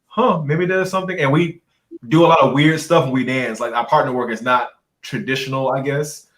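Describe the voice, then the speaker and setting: A man's voice: mid-range voice, brisk, low-quality recording. A man raised in Saudi Arabia, a dancer guest telling stories in a casual interview and acting out quoted people. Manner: animated storyteller, acts out quotes.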